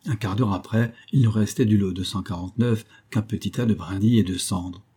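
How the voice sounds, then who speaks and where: A man narrating a translated classic short story in a steady, measured way. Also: on the low side, breathy edge. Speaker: audiobook narrator. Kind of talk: scripted narration.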